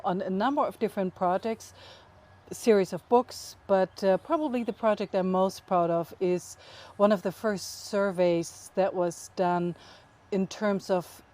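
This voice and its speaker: A woman's voice: mid-range voice, warm tone. Middle-aged German-accented woman, interview guest, upbeat and easy to laugh. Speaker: guest, nonprofit CEO. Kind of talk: interview answers.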